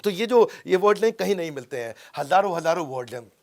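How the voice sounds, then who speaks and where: A middle-aged Indian-accented man with a somewhat high voice gives an energetic lesson. He stresses his points hard and keeps asking his listeners short rhetorical questions. The delivery is that of a motivational coach talking straight to camera. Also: fast talker. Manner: energetic, emphatic, many rhetorical checks. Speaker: business coach and YouTube host. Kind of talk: motivational teaching talk.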